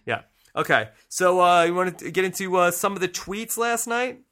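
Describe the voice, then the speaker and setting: Bright-voiced joking male podcast host. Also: high voice, moderate pace. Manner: laughs often, loose and joking. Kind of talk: casual podcast chat.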